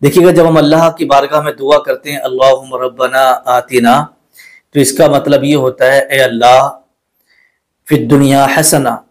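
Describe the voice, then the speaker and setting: A man teaching a religious lesson in polite, patient with a lilt. He corrects common mistakes and repeats words carefully. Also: mid-range voice. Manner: recites the Arabic prayer slowly in a melodic chant. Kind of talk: religious instruction to camera.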